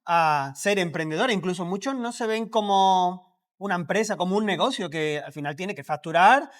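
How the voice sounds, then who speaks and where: A podcast host, interviewing a guest briskly and murmuring agreement often. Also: medium pitch. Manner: brisk, frequent backchannel murmurs.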